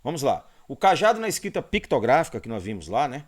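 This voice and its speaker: A man's voice: medium pitch, sing-song, quick pace. Man lecturing, pointing at slides. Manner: didactic, pointing at slides, frequent "né?" and "ó". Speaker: course teacher. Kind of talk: online esoteric lecture.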